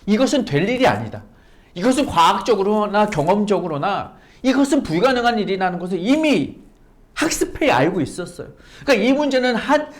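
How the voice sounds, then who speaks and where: A woman pastor preaching a sermon in a conversational way, full of rhetorical questions and emphatic repetition. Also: medium pitch.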